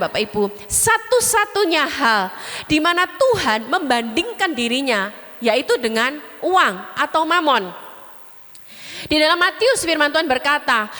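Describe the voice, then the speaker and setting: Lively high-voiced woman preaching. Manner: animated storytelling, addresses congregation directly. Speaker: pastor. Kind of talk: sermon. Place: large church hall. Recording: long hall reverb.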